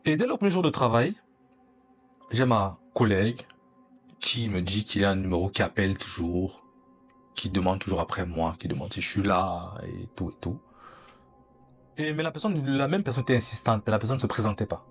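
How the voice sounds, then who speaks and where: Low-voiced man. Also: lively intonation, brisk, soft background music. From Cameroon. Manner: earnest, recounting, acts out dialogue. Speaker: interviewee. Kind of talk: personal storytelling.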